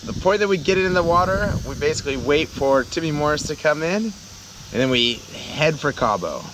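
A man hosting a casual sailing vlog outdoors, talking excitedly to an action camera held at arm's length. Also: a little high, a little fast, noisy background. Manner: excited, upbeat narration. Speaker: vlog host, sailor. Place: outdoors on a boat and boatyard. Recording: music playing underneath.

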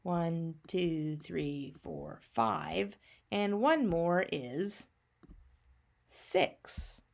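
A woman's voice: on the low side, very animated, very slow, vocal fry, a little mellow. A woman teacher narrating a maths lesson for young children, patiently teaching a child to count step by step with simple questions and answers.

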